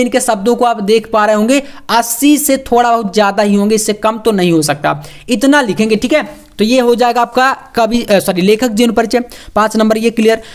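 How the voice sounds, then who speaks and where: A young man coaching students for an exam, walking through model answers with emphatic, repeated reminders and coaxing asides. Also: extremely high pitch. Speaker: exam prep tutor.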